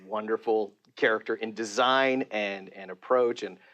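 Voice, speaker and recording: A man, a voice actor, talking in a casual interview in an animated way, often laughing. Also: fairly low pitch, moderate pace, lo-fi sound. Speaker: voice actor guest.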